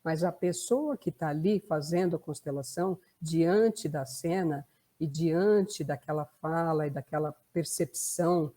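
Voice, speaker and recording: Brazilian woman therapist, warm mellow tone, chatty explanatory talk. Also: low voice, unhurried. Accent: Brazilian Portuguese. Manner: conversational, tag questions. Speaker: family constellation therapist.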